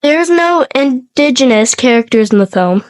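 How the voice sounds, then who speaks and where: Here a sick young woman, stuffy with a cold, shares a story on the podcast she co-hosts, switching between scripted bits and relaxed conversation. Her voice sits high and lively, moving at a moderate speed. The recording is rough and has no room sound.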